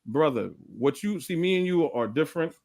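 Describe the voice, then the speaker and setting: A man's voice: on the high side, expressive, brisk, crowd noise. A young man from Guyana on a debate panel, talking emphatically and indignantly, swearing freely. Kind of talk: heated live debate.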